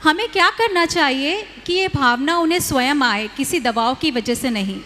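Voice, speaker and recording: A woman's voice: sits high, animated, moderate pace, sharp tone, a little hiss or hum. A woman questioner putting a polished, formal question to a spiritual teacher with reverent address. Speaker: audience questioner, scientist. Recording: long hall reverb.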